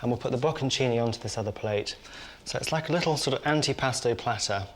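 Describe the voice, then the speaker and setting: A man's voice: mid-range voice, fast talker, a little hiss or hum. A man hosting a cooking show, chatting casually as he prepares food in his kitchen. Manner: chatty, talks while cooking and tasting. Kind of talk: cooking demonstration.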